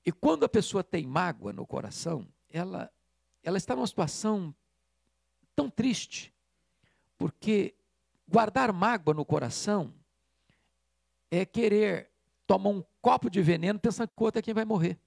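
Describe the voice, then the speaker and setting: A man's voice: high-pitched, lively intonation, moderate pace, creaky, pauses often, darkish tone, no room sound, clean studio sound. A man preaching a sermon as pastor, emphatic and repeating key phrases for weight.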